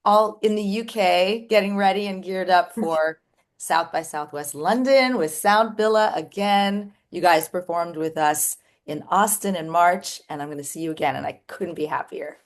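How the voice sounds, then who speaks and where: A woman's voice: lowish voice, moderate pace. A woman hosting a casual interview with a band, upbeat and enthusiastic. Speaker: showcase founder and interviewer.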